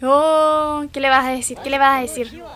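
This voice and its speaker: A woman's voice: sits high, steady tone, moderate pace, a bit bright. A young woman with a Chilean accent giving casual reaction commentary as an anime reaction host, exclaiming and making sympathetic asides to her viewers. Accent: Chilean Spanish.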